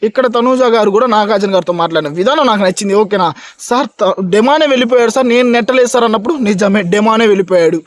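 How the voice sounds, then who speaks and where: A man reviewing a reality show in a fast, opinionated monologue, emphatic and talking straight to the fans, repeating his points. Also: high voice, a little hiss or hum. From India.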